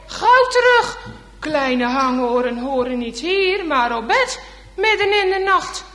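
A woman's voice: sits high, sing-song, slow, a bit bright, full character voice. Woman doing a stern scolding father. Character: stern hurried father scolding his son. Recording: echoey hall reverb.

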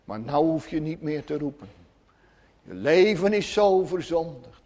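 A man's voice: a little high, very animated, a little slow, dark tone, exaggerated voice. A man voicing a sly, scheming devil who tempts and mocks churchgoers. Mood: coaxing. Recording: long church reverb.

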